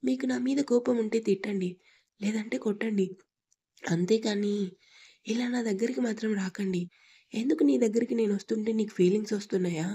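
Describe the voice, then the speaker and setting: A woman's voice: mid-range voice, brisk, mellow, husky, lightly acted. Woman voicing a frightened tearful young wife. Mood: defiant. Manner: pleading, sobbing complaints.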